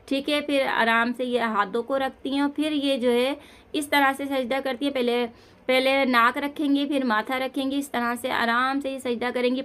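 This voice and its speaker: A woman teaches a recitation lesson in a high voice. She speaks slowly and patiently and draws out each word to show how it should sound. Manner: slow and patient, drawing out words to demonstrate pronunciation. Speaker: religious teacher.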